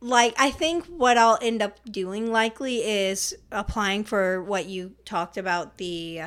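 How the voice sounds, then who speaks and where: A woman's voice: mid-range voice, a little slow, fairly bright tone. A young woman co-hosting a podcast, chatting casually and telling stories that break into big laughs. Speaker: podcast co-host. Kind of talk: casual chat.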